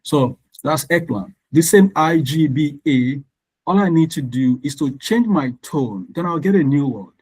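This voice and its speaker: With a slightly high, expressive voice that's a bit mellow and a touch rough, this man speaks at a measured pace, though the audio is poor. He's a Nigerian tutor whose first language is Yoruba, giving an online exam-prep lesson full of patient explanations, letter-by-letter spelling, and frequent "all right" checks with his learners.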